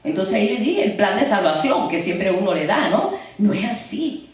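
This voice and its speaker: A woman preaching a sermon, telling stories in an animated way and laughing as she speaks. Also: medium pitch, moderate pace. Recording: echoey hall from far off.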